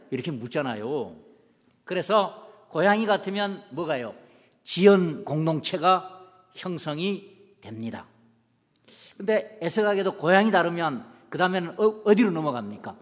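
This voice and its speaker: Man preaching in a reverberant church. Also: on the high side. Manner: asks the congregation rhetorical questions and answers them himself; acts out little everyday dialogues. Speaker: pastor. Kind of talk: sermon.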